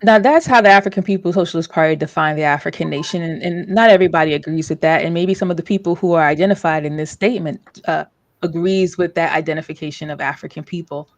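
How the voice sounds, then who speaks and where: Casual woman livestream host, lowish voice, dry close sound, loose and conversational. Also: fast talker, dry recording. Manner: conversational, many fillers and restarts.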